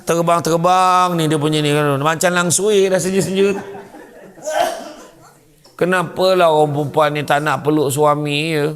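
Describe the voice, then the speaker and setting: A man giving a humorous religious lecture, telling comic stories in an animated way. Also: fairly high pitch, normal speed. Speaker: preacher. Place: mosque lecture hall.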